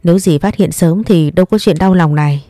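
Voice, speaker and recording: A woman's voice: fairly low pitch, a little fast, mellow, no echo, clean studio sound, close to an everyday voice. A woman voicing a grieving middle-aged aunt in a spoken story, talking in a plaintive, lamenting way.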